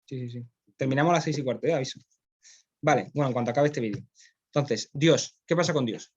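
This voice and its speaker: A man's voice: medium pitch, quick pace, breathy edge, lo-fi sound. A man with a Spanish accent, teaching philosophy in a classroom, explaining step by step and often checking in with his students. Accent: Spain. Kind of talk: classroom lecture.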